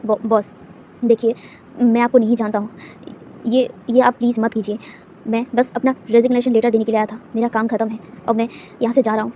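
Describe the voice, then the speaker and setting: A woman voicing a young male employee who forces a calm, formal tone, in a storybook reading. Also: a little high, a little fast, a little hiss or hum, natural voice. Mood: guarded, formal.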